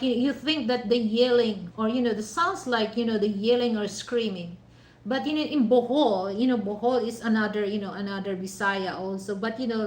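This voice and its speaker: A woman from the Philippines, whose first language is Mandaya and who speaks with a Filipino accent, hosts a livestream while eating dinner, chatting casually and rambling with lots of "you know" fillers. Her voice is on the high side. The recording is reverberant and rough.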